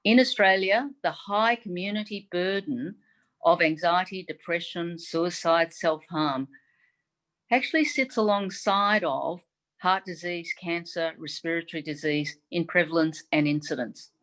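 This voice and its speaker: Over a video call, a Taiwanese woman whose first language is Mandarin Chinese delivers a prepared forum speech as chief medical advisor. She speaks in a measured, formal manner with frequent "um"s, her voice on the low side and a bit bright.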